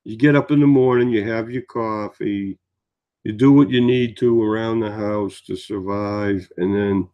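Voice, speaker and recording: Low-leaning and muffled, the voice belongs to a worn-out man in his sixties recording a relaxed vlog. His storytelling rambles and is full of fillers.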